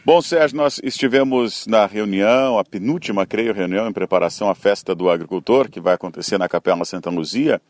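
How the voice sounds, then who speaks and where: A man's voice: on the low side, brisk, few pauses. A man hosting a rural radio program, interviewing people on site in a conversational way. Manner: conversational, leading questions.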